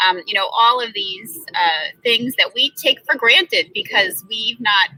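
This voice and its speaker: A woman's voice: fairly high pitch, measured pace, low-quality recording. A middle-aged woman hosting an interview, talking at an easy pace with many fillers. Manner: many fillers, warm thanks to guests. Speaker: host. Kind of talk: conversational interview.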